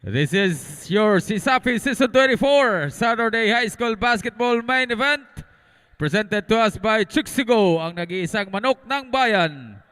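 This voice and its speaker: High-pitched, drawn-out male stadium announcer, Filipino accent. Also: expressive, fairly bright tone, clean tone, big-room sound. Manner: drawn-out, projected announcer delivery. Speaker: arena announcer. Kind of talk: stadium announcing, player introductions.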